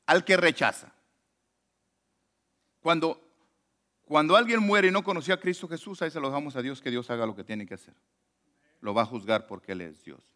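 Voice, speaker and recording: A male pastor preaching a sermon, swinging between loud emphatic lines and low murmured asides, and acting out the voices in the story. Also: normal speed, long pauses. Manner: acts out quoted voices in the story.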